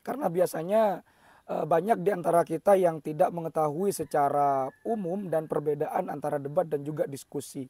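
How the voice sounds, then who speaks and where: A man with a slightly hoarse, mellow voice pitched somewhat high hosts an explanatory commentary. He talks in a measured way and keeps pausing on hesitation fillers. The sound is close and dry, with no room echo. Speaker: host.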